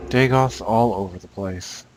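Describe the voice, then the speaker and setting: A man giving casual, playful game commentary in short offhand remarks. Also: measured pace. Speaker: gamer commentating a playthrough. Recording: loud rumbling noise behind the voice.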